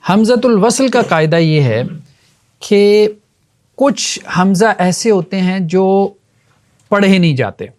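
Guy teaching grammar, kinda high voice, keeps asking the class stuff and repeating words. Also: animated, darkish tone. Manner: explanatory, asks the class questions; repeats key terms slowly. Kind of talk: Arabic grammar lesson.

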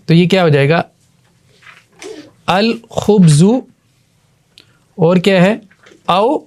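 Male teacher, higher-pitched voice, patient explainer who repeats key terms and quizzes listeners. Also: darkish tone. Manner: explanatory, asks the class questions. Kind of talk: Arabic grammar lesson.

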